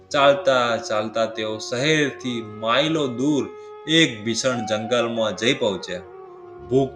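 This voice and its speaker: Male narrator telling a devotional tale. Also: mid-range voice. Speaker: storyteller. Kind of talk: scripted narration of a devotional story. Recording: roomy with clear devotional music behind.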